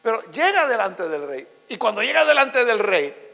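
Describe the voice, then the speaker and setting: High-voiced preaching pastor in a hall. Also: male voice, very animated, gravelly. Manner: preaching with rising shouts and slow stressed words. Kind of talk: sermon. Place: church. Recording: long hall reverb with mains hum.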